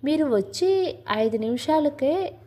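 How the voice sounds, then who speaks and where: A woman's voice: high voice, animated, takes it slowly, warm tone, voice pushed up. A woman voicing a polite young office assistant in a Telugu audio story, speaking in a matter-of-fact way.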